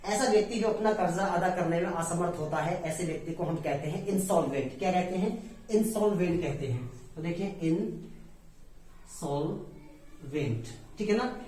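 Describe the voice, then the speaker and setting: A woman with an Indian accent teaching English vocabulary in Hindi, explaining each word slowly and asking her students questions again and again. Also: on the low side, mellow, slight background noise. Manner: explains slowly in Hindi with English words, often asks and repeats. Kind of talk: online English lesson. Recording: very echoey room, far from the mic.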